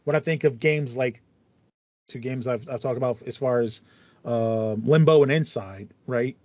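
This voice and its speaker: A podcast host in his thirties chats casually from a small indoor home room lined with foam panels, thinking aloud and repeating phrases. His mid-range voice has a darkish tone and a moderate pace. The recording is dry, with a dull, lo-fi voice-call sound.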